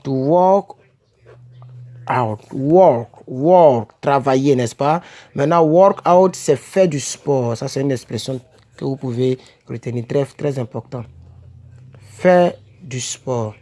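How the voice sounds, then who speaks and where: Slow-paced man teaching English words. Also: medium pitch, warm tone. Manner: repeats words slowly, asks "n'est-ce pas?" and "ok?" often, self-corrects. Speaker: English teacher for French speakers. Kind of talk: casual home-made vocabulary lesson.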